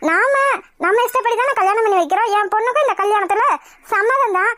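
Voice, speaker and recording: A woman's voice: very high voice, quick pace, a bit bright, no echo, studio quality. A woman with a Tamil accent voicing several characters in a cartoon, scolding and bickering.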